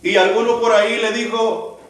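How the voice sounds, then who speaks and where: A man preaches a sermon to his congregation, posing rhetorical questions and acting out the cries of the people in the story. His high voice has little pitch movement and a normal speed, and it comes from far off the mic in an echoey hall.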